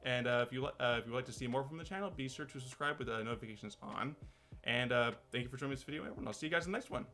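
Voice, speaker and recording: A man's voice: medium pitch, racing, sharp tone. A man hosting his own channel, talking casually to camera in a loose, rambling way with many restarts. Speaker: channel host. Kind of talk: casual talk-to-camera commentary.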